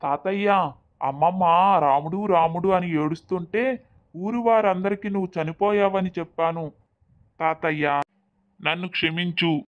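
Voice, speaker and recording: A woman's voice: on the low side, a little slow, lo-fi sound, pitched below the performer's own voice, close to an everyday voice. A woman voicing a hasty young village man, flustered and apologetic.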